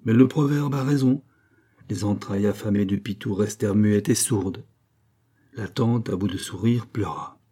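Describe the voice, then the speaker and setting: A man reading a classic novel aloud in a measured, expressive storytelling manner. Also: on the low side. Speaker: audiobook narrator. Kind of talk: literary audiobook narration.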